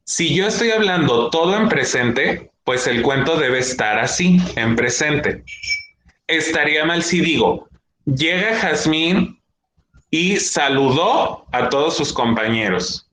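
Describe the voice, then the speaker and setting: Male teacher, young adult, slow and patient, bright, echoey classroom. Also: medium pitch, a little hiss or hum. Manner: patient, checks in often with students. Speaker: schoolteacher. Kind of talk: classroom lesson.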